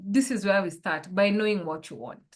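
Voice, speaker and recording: A woman's voice: medium pitch, moderate pace. A woman, a life coach leading an online workshop and posing reflective questions to her listeners over a video call.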